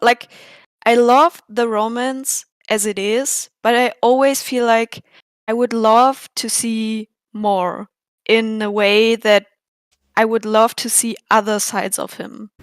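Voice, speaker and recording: A woman's voice: a little high, clear, resonant tone, no echo, clean studio sound. A woman on a podcast, speaking thoughtfully and hesitantly in casual chat.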